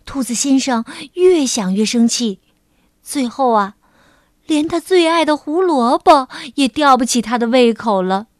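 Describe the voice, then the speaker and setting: A woman teacher narrating a children's picture book in a gentle, measured storytelling manner. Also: a little high, no echo, studio quality.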